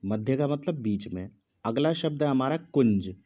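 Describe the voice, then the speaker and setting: Male teacher, slow measured dictation, muffled lo-fi sound. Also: mid-range voice, lively intonation. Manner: speaks slowly with pauses, repeats each word. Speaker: Hindi teacher.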